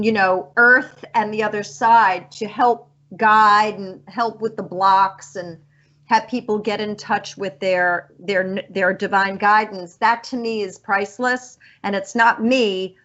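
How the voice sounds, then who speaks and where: A woman in her fifties, a resident psychic on a college radio show, speaking slowly and earnestly in a heartfelt, rambling farewell chat. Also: mid-range voice, fairly bright tone, muffled recording. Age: 50s. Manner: slow, earnest, emotional and rambling.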